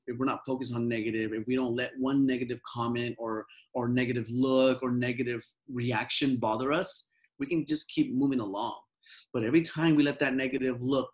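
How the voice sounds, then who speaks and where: A man's voice: mid-range voice, rough recording. A man who works as a mindfulness coach, answering interview questions in an earnest, repetitive way, often acting out the lines he quotes. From Southern California.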